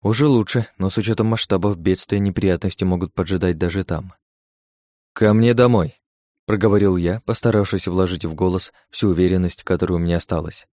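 Low-voiced male audiobook narrator. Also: fairly even intonation, fast talker, hardly any pauses, a little mellow, no room sound. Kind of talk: scripted first-person narration.

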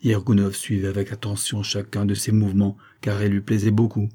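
Brief: low, dark-toned male narrator, husky, measured audiobook storytelling. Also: completely flat delivery. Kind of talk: scripted narration of a classic short story.

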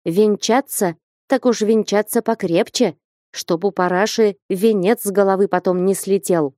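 A woman voicing a bold, sharp-tongued young woman who scolds and commands, in a read-aloud story. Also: steady tone, a little slow, no room sound, studio quality, close to an everyday voice. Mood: mocking. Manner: scolding, commanding, rising to high pitch. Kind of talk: audiobook character reading.

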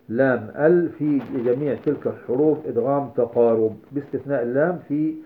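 A man giving a tajweed lesson, explaining the rules step by step with frequent "aah" fillers. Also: medium pitch. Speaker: Quran recitation teacher. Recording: tinny phone-like lo-fi audio.

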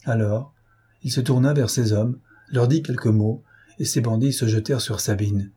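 A man narrating a classic novel as an audiobook in a measured, expressive reading. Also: medium pitch, husky.

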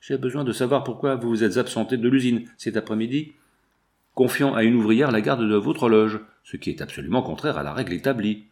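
A man's voice: on the low side, animated, moderate pace, darkish tone, close to an everyday voice. A man voicing a harsh middle-aged factory owner in an audiobook, speaking curtly. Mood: stern. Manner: curt, harsh. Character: stern middle-aged male factory boss.

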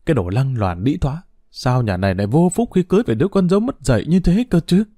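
A man's voice: big pitch swings, brisk, darkish tone, no echo, studio quality, close to an everyday voice. A man voicing a bitter old mother-in-law in an audio story, cursing and wailing in a raised voice. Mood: furious. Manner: shrill, abusive scolding.

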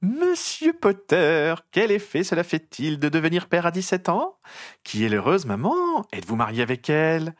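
Man playing a shrill, sly gossip reporter woman, slow sing-song taunts, dry close sound. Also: huge pitch swings, dry recording. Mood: mocking. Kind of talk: audiobook reading.

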